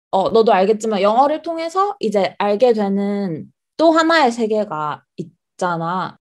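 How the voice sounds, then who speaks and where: A woman's voice: mid-range voice, darkish tone. A young adult woman from South Korea answering as a guest in a casual interview, explaining things in a reflective way.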